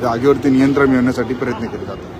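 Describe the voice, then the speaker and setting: A man reporting live from the scene of a factory fire, in a quick, repetitive on-the-spot news style. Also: mid-range voice, a crowd in the background, background noise. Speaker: field reporter.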